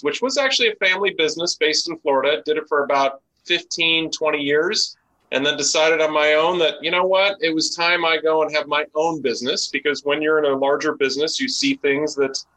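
A man from Chicago, raised in Los Angeles, appearing as a business-owner guest on a podcast and telling his story in an eager, animated way. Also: fairly high pitch, low-quality recording. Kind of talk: interview storytelling.

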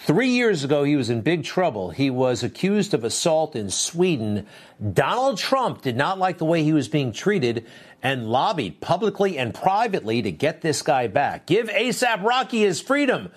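A man's voice: on the high side, very animated, moderate pace. A man hosting a talk show, giving an opinionated, conversational monologue with wry asides and rhetorical questions.

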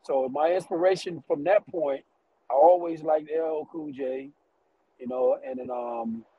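A man's voice: a little high, animated, a little slow, creaky, husky, dry recording, phone-quality sound. A man being interviewed as a rapper, talking in a laid-back casual way.

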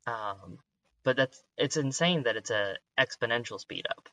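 A man's voice: mid-range voice, expressive, normal speed, sharp tone, no echo, low-quality recording. A man hosting a podcast interview, asking curious, upbeat questions with frequent hesitations. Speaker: podcast host. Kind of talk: casual interview chat.

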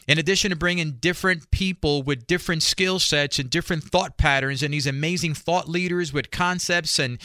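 Upbeat guy hosting a motivational talk show, bright punchy voice, really dry sound. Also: on the high side, no echo. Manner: enthusiastic, motivational, addresses listeners directly.

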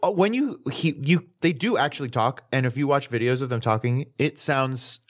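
A man's voice: medium pitch, moderate pace. A man playing a tabletop game and chatting in casual, joking banter.

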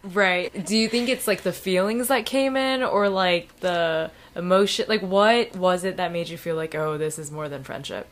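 Female interview host, casual, curious follow-ups, slightly low voice. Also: moderate pace, few pauses, slight background noise.

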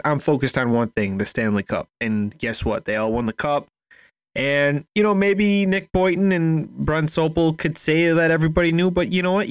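A man talks sports casually as a podcast co-host. He is blunt and emphatic, with colloquial phrasing and a middle-range pitch. The recording is dry and free of room sound. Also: dry recording. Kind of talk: casual opinionated sports chat.

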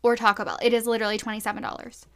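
Lively woman co-host, a touch higher pitch, casual and enthusiastic. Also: very fast. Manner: animated, enthusiastic chatter. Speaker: podcast co-host. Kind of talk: casual chat.

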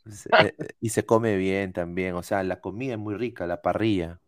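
A man's voice: low-pitched, steady tone, normal speed, no room sound, clean studio sound. A man with a Peruvian accent hosting a casual football podcast, playful and reading viewer comments aloud. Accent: Peruvian Spanish. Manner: laid-back, playful, reads comments aloud.

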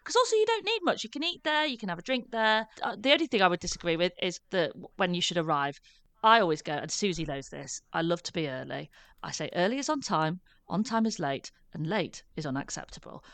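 A woman, co-hosting a podcast in casual, animated chat. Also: lowish voice, brisk, no room sound. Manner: chatty, animated, laughing asides. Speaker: podcast co-host.

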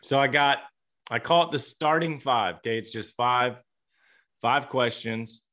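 A man's voice: medium pitch, unhurried, a bit bright. A man hosting a casual interview podcast, laid-back and reassuring, often restarting his sentences. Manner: easygoing, reassuring, stumbles over words. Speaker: podcast host. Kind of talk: casual interview, reads a sponsor ad.

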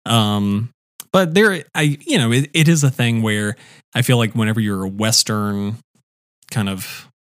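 A man's voice: on the low side, a little slow, no room sound, clean studio sound. A young man co-hosting a casual podcast chat, rambling with lots of fillers and restarts. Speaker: podcast co-host.

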